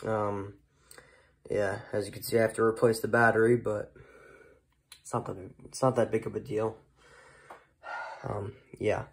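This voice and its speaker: A fairly low, creaky male voice stays level while he walks through his collection of weather radios. The showcase is informal and unplanned, with him pausing, hesitating and drifting off topic like the hobbyist vlogger he is.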